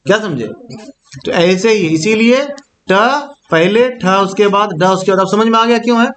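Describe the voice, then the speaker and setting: A man's voice: sits high, normal speed, fairly bright tone. A young man teaching a Hindi grammar lesson. He pronounces each sound aloud to demonstrate it and keeps checking whether his students follow. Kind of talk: classroom-style grammar lesson.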